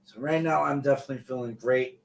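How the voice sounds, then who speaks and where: A middle-aged man chatting casually on a livestream in a loose, halting, tipsy ramble. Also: medium pitch. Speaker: streamer. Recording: clearly noisy room recording with clicks.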